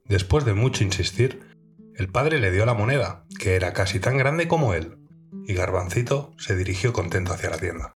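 Low-ish calm guy reading a kids' story, soft guitar behind. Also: normal speed. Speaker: narrator. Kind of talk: children's story narration.

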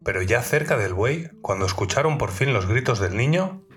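A man narrating a children's folk tale in a calm, clear storytelling manner. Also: medium pitch, normal speed, soft background music.

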